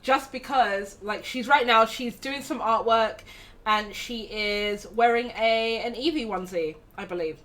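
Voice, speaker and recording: A woman's voice: fairly high pitch, measured pace, fairly bright tone. Chatty teasing woman streamer. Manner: chatty, teasing, affectionate, laughs often. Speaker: streamer host. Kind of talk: casual stream chat.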